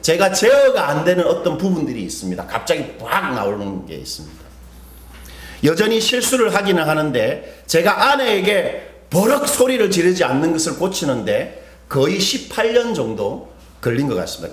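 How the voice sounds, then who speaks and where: A middle-aged man gives a sermon in a relaxed, talking style, asking his listeners questions and telling stories from his own life. His voice sits fairly high and moves up and down a great deal. The room carries a clear echo. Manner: conversational preaching, asks the congregation questions, tells personal stories. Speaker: pastor. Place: church hall. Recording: echoey room.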